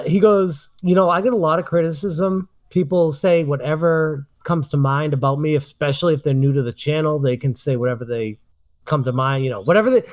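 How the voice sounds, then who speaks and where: Animated man hosting a podcast. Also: on the high side. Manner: emphatic, repeats points for effect. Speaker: podcast host. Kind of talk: casual podcast commentary.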